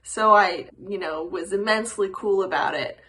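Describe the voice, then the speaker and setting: A woman hosting a book vlog, speaking casually to camera in a bubbly, expressive way. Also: mid-range voice, moderate pace, rough recording. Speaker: book channel host. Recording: clear background noise.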